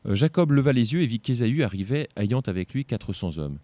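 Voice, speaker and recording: A man's voice: mid-range voice, big pitch swings, fairly quick, warm tone, no echo. A tired man teaching an informal Bible lesson, reading scripture aloud and breaking off for joking asides.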